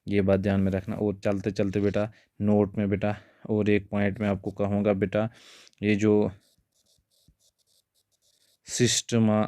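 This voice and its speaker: A man's voice: lowish voice, completely flat delivery, unhurried, long pauses, dark tone, dry recording. A male biology teacher giving an exam-prep lecture, calling his students "beta" again and again and mixing English terms into his talk.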